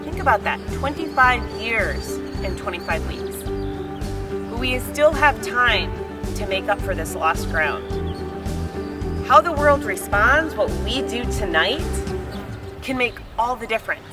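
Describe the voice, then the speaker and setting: Woman reading a fundraising appeal, steady and emphatic, big music bed behind her. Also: fairly high pitch, measured pace. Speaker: charity speaker. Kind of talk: scripted appeal speech.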